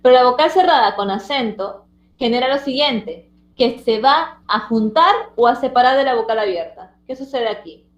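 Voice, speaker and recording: A woman's voice: a little high, lively intonation, normal speed. A woman teacher explaining a language lesson step by step and often checking that her students follow. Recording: roomy, dull lo-fi sound.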